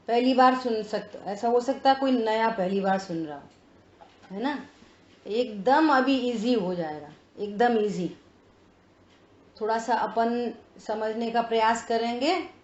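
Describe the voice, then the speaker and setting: A woman leading a religious text study class. She explains step by step and keeps checking that listeners follow. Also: fairly high pitch. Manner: reads sutra phrases word by word. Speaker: scripture study teacher. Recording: roomy, dull lo-fi sound.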